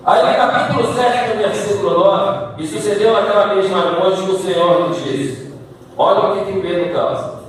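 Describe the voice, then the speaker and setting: Animated Brazilian preacher in echoey hall. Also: male voice, moderate pace, a little hiss or hum. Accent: Brazilian Portuguese. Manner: animated, swings from low asides to shouted climaxes. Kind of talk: sermon. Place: church sanctuary. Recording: echoey church hall, distant mic.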